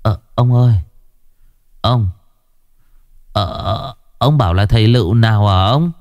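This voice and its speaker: A man's voice: fairly low pitch, measured pace, a little mellow, no room sound, highs cut off. A man voicing a timid young male servant who stammers and pleads nervously to his master. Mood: stammering.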